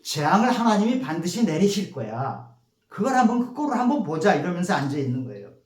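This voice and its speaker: Animated high-voiced male pastor preaching. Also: roomy sound. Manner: animated storytelling, acts out quotes. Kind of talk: sermon. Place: church sanctuary.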